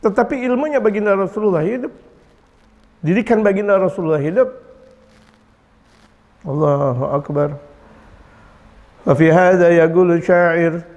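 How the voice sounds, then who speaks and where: Male preacher, high voice, animated delivery with loud outbursts, long hall reverb. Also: measured pace, long pauses. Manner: lively, swings from quiet to loud, chuckles often. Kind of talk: Islamic sermon in Indonesian.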